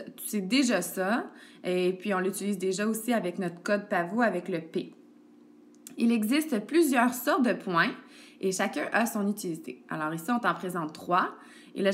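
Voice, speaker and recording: Patient woman teacher. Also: mid-range voice. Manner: patient, addresses the child directly with frequent "ok" and "donc". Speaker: elementary school teacher. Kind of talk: recorded grammar lesson for a child. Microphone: tablet screencast recording.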